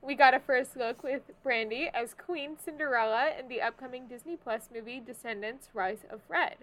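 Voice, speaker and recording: Casting: female co-host, slightly high pitch, informal delivery of entertainment news and casual chat. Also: moderate pace, a bit bright, poor audio. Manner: informal, loose paraphrasing between read items. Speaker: podcast co-host. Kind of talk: entertainment news podcast, reading items and chatting.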